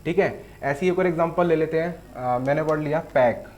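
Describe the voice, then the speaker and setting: In this online shorthand class, the teacher's voice is on the high side, darkish in tone and a little fast, with a bit of hiss or hum. He demonstrates on the board and patiently breaks down every stroke, often saying "theek hai."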